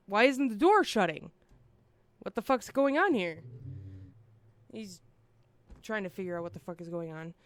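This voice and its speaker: A woman's voice: mid-range voice, a bit bright, smooth, no echo. A woman hosting a stream, casually telling a story to friends and swearing freely. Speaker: streamer host.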